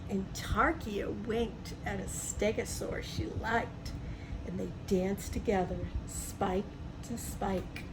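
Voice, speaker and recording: A woman reads a picture book aloud to young children, slowly and in a steady, medium-pitched voice, adding chatty asides, simple explanations and questions for the listener. The background is clearly noisy.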